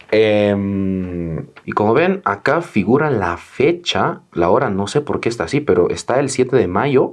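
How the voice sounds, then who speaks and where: A young man tells his travel story with real drama, and his pitch swings widely from line to line. He sounds like a vlogger speaking straight to his viewers. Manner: animated, dramatic retelling. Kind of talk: storytelling vlog.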